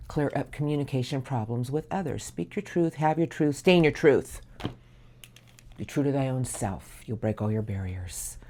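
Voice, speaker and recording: Very low-voiced woman reading tarot. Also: dark tone. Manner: soothing, affirming, drawn-out emphasis. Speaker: tarot reader.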